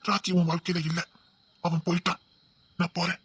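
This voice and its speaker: A man playing a gentle departed husband who is saying goodbye, speaking softly and mournfully in a husky voice. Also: high voice, monotone, brisk, no room sound, heavily acted. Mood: sorrowful.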